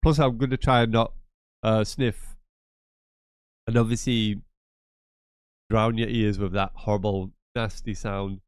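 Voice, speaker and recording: A gaming channel host with a cold talks a little slowly, leaving long pauses, in a fairly low, steady voice that is clear and resonant despite being blocked and nasal. The recording is dry and studio quality. It's a casual screen-share tutorial, chatty and repetitive with rambling asides.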